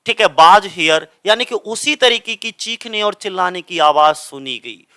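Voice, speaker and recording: Bright clear-voiced male tutor. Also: sits high, animated, moderate pace. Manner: explanatory, asks and answers own questions. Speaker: English literature coaching teacher. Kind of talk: classroom explanation of grammar.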